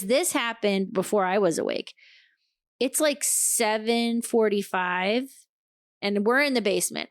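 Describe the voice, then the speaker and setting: Animated woman telling a story, dry sound. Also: mid-range voice, clear, resonant tone, dry recording. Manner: animated, swears freely, acts out quoted lines. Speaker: podcast co-host. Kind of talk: casual storytelling chat.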